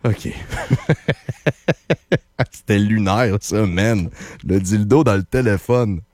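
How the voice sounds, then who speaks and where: A man with a Québécois French accent hosts a late-night call-in radio show, often joking and laughing between remarks. His voice is lowish and darkish, and he speaks slowly. Recorded on a studio microphone in a radio studio, the sound is studio quality with no echo.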